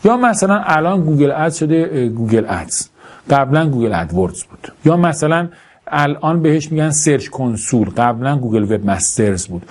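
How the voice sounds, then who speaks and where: A man teaching an online course who speaks slowly and carefully, with imprecise articulation of some sounds and informal, self-deprecating asides. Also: on the high side, big pitch swings. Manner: deliberately slow, careful speech. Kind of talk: course introduction lecture.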